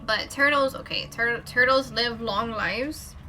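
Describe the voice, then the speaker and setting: A woman's voice: fairly high pitch, unhurried, bright, forceful tone, soft background music. A woman with children doing a casual, rambling spiritual card reading live, with plenty of fillers and self-corrections. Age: adult parent. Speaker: tarot reader.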